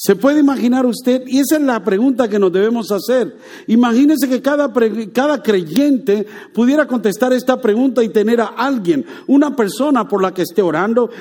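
A man preaching a lively sermon, joking with and quizzing his congregation. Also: very high voice. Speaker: pastor.

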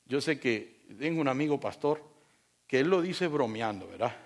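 A man preaching a sermon as pastor, animated and joking as he tells personal stories to his congregation. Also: medium pitch, normal speed.

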